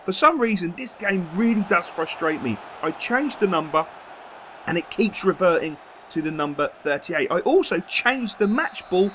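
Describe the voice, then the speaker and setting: On his gaming video channel, a young man commentates on his own football video game career. His high voice is bright and forceful, and he's emphatic, often repeating words for stress, against slight background noise.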